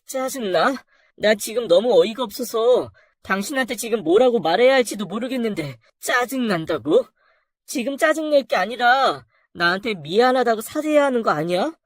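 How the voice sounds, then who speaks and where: A storyteller voicing a wife who confronts her husband, raising the voice high and urgent. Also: big pitch swings, normal speed, dry recording, studio quality, lightly acted. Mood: indignant. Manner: urgent, indignant. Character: shocked, betrayed wife.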